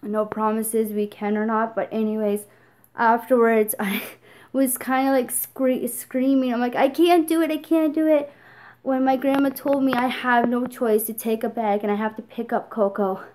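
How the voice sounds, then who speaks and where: A woman's voice: a little high, level tone, moderate pace, darkish tone, rough recording. A young adult woman vlogging casually, tearful and rambling, with lots of fillers as she tells a story.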